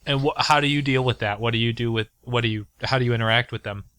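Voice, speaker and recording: A man hosts a casual podcast interview, his voice bright and forward. The recording is dry and close. He asks questions haltingly and restarts them often. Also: mid-range voice, smooth, dry recording. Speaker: podcast host.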